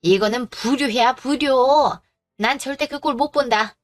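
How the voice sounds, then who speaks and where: A greedy, domineering middle-aged mother-in-law snaps and makes demands in a pitched-up, condescending voice, as a woman acts her out. She talks down to everyone around her. Soft music plays beneath the audio drama. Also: unhurried. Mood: demanding. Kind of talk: Korean audio drama acting.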